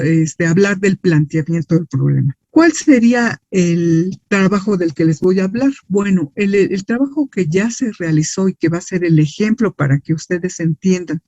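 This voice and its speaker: Lecturing in a didactic style, a science teacher with a Mexican accent and a high, darkish voice answers his own rhetorical questions and frequently seeks agreement with tag questions. There's no room sound, and the recording is dull, dry, and lo-fi.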